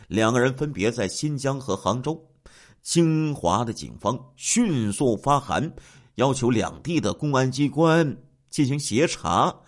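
Male crime-story narrator, mid pitch, hugely swinging intonation, dramatic and chatty. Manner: dramatic, exclamatory, colloquial asides.

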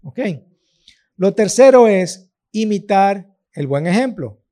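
A man's voice: high voice, expressive, slow, mellow. A man, preaching a sermon in an earnest, emphatic way and often checking in with his listeners. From Dominican Republic.

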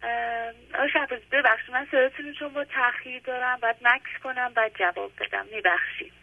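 A woman's voice: a little high, steady tone, no echo. A woman calling in to a radio program from her home, speaking earnestly and gratefully with hesitant fillers over a phone line. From Iran. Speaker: caller. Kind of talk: phone-in call.

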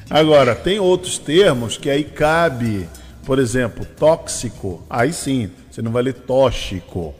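A man's voice: mid-range voice, animated, unhurried, slightly rough, in a large hall, faint music behind. A man hosting a morning radio show from São Paulo, chatting casually and laughing often, with a Brazilian Portuguese accent. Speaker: radio host.

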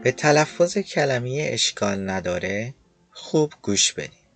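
A man teaching an online language lesson, explaining and slowly demonstrating pronunciation step by step. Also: mid-range voice, very animated, faint music behind. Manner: slow, careful pronunciation demonstrations.

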